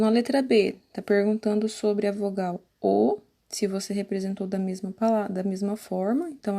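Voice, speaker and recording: A woman's voice: mid-range voice, warm tone. A woman teacher from Brazil giving a recorded lesson to young pupils, patient and explaining step by step. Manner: patient, explains step by step, slow careful word emphasis. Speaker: primary school teacher. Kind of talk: recorded remote class lesson.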